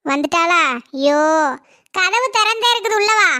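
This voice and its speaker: A woman's voice: extremely high pitch, lively intonation, moderate pace, bright, forceful tone, heavily acted. A woman voicing a gossipy, stingy middle-aged housewife in a cartoon, with a Kanyakumari Tamil accent and a tart, chatty manner. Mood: gossiping. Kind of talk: cartoon comedy dialogue.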